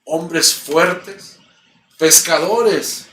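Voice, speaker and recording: A pastor with a Mexican accent preaches a sermon in a church sanctuary, emphatic and repeating key phrases. His voice is a little high and fairly bright, with drawn-out words, and the distant mic picks up church echo and a faint background hum.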